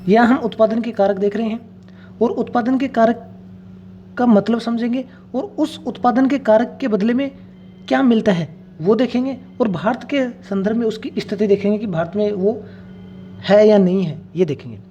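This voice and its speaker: A woman's voice: fairly high pitch, moderate pace, mellow, dull audio, a little hiss or hum. A woman teacher giving an exam-prep classroom lecture, asking rhetorical questions, answering them herself and repeating the key phrases.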